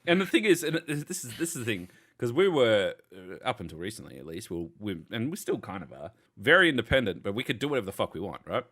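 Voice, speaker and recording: An Australian man hosting a podcast, telling animated, swear-filled stories and acting out customers in a casual chat. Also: lowish voice, quick pace, hardly any pauses. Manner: animated storyteller, swears freely, acts out customers. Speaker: podcast host.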